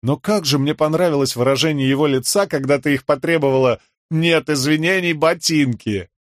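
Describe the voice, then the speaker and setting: A man's voice: a little high, brisk, no room sound, voice pushed up, natural voice. Wry veteran con woman, teasing mentor, dry raised voice, read by a male narrator. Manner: wry, instructive.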